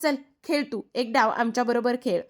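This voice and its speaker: A spirited young girl coaxes and teases in an insistent, playful way, as a woman voices her. Her voice sits fairly high. It comes across as a lively storybook retelling. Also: moderate pace, natural voice. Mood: coaxing. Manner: coaxing, teasing insistence.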